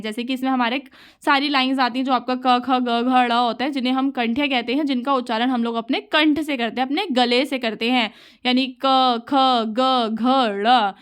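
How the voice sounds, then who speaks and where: A woman's voice: high voice, a bit bright. A woman teacher explaining exam material patiently to her students, calling them children as she goes. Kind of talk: exam-prep lesson.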